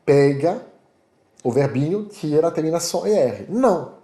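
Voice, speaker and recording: A native French man with a French accent teaches in an animated, lively voice that sits a little high. The sound carries a noticeable room echo. He checks in constantly with his students as he explains. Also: normal speed. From Paris, France. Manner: animated, repeats "tá?" to check understanding. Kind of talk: online language lesson.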